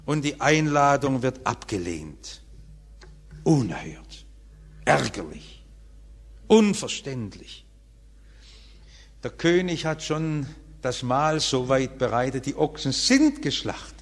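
A man preaching a sermon as pastor, emphatic, with wide swings between high raised phrases and low quiet ones. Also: expressive, takes it slowly, long pauses. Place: church. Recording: church hall reverb.

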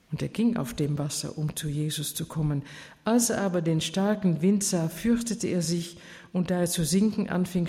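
A man preaching a sermon, retelling the story earnestly with dramatic pauses. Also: sits high, dark tone. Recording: long church reverb.

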